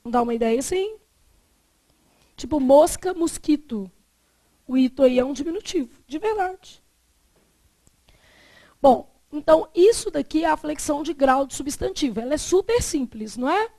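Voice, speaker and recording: A woman's voice: high voice, animated, normal speed, mellow. A middle-aged Brazilian woman teaching a Portuguese grammar lesson, chatty and asking the class rhetorical questions.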